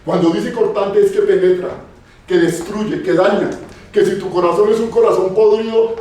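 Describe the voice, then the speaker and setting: A man's voice: high-pitched, darkish tone. A male preacher giving a sermon, emphatic and repeating phrases for stress, in a church hall. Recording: very echoey hall, voice far off.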